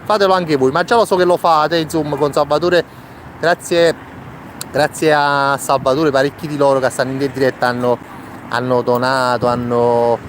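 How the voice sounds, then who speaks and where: A man's voice: mid-range voice, fairly even intonation, moderate pace. A man in his thirties with a Neapolitan accent chatting casually on a live street video, reassuring and repeating short phrases. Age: 30s. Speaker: charity volunteer hosting a live street video. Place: outdoor city street. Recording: noisy outdoor city street with traffic.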